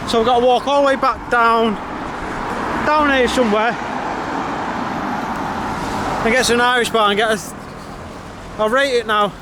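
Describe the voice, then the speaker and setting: A man's voice: very high-pitched, fairly even intonation, normal speed, pauses often, background noise. An English man vlogging as he walks a town's streets and pubs, giving a blunt, sweary, wry running commentary. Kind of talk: casual walking vlog. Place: outdoors on town streets at night, then inside a pub.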